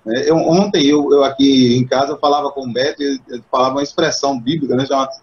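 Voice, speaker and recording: A man hosting a casual live chat on Bible literature, animated and acting out the voices he quotes. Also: mid-range voice, fast talker, muffled recording. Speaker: host.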